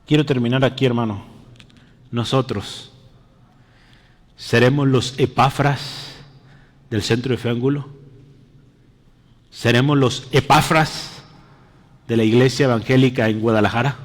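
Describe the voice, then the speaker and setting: A man's voice: medium pitch, steady tone, measured pace, long pauses. A man preaching an interactive sermon, often checking in with the congregation and calling them brother. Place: church. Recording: reverberant church hall.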